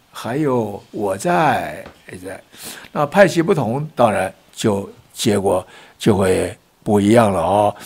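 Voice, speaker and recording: An older man hosting a political commentary show, telling folksy stories and acting out the voices he quotes. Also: medium pitch. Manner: folksy, acts out quoted voices, lively emphatic delivery.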